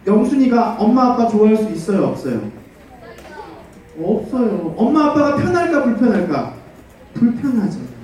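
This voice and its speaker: A man giving a children's sermon as pastor, animated and full of questions for the kids, leading them in call-and-response. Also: extremely high pitch. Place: church hall. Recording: echoey church hall, far from mic.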